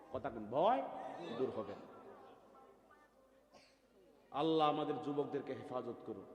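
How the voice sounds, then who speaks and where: A man preaching a sermon, telling a lively story, swinging from loud to quiet and asking his listeners questions. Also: mid-range voice. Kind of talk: Bengali waz sermon with storytelling. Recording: echoey, reverberant venue.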